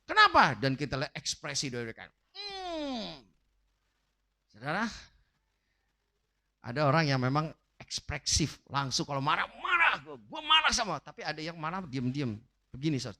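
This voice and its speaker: A man's voice: medium pitch, a bit bright. A man preaching a sermon with an emphatic, rising and falling delivery, often turning directly to his congregation. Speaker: pastor. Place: church livestream.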